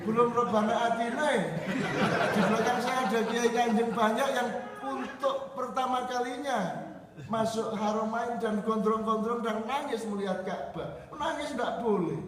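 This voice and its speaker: A man telling lively stories to an audience, often laughing as he talks. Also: extremely high pitch, measured pace. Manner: animated, laughing storyteller slipping into Javanese. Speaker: speaker at a religious gathering. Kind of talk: storytelling talk to an audience. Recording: echoey hall recorded from far off, noisy.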